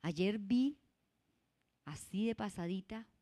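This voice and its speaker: A woman's voice: medium pitch, animated, slow, dark tone. A woman church leader preaching a sermon, emphatic and putting questions to her congregation.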